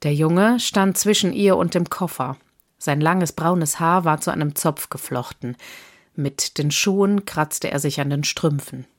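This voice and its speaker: A woman narrates a novel for an audiobook in a calm, measured storytelling voice. Her pitch is low for a woman, which gives the reading a grounded feel.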